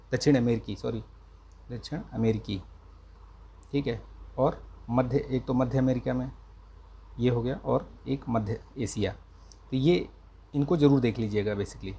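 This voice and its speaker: A man teaching an exam-prep lesson, speaking slowly and carefully and checking in with the listener again and again. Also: medium pitch, vocal fry, mellow, a little hiss or hum. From India. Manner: slow, careful speech with repeated check-ins. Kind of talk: casual exam-prep lecture.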